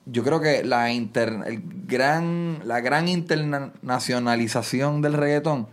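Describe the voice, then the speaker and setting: A man with a Puerto Rican accent, a comedian guest on a podcast, telling stories in an animated way and acting out quotes. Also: mid-range voice, slow. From Puerto Rico. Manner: animated storytelling, acts out quotes. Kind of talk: casual podcast chat.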